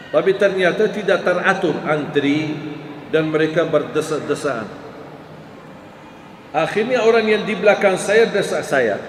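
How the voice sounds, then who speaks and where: A man giving a sermon, telling stories and raising his voice high on key words. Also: distant mic. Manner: storytelling, pitch rising sharply for emphasis. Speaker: preacher. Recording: echoey hall with faint ambient noise.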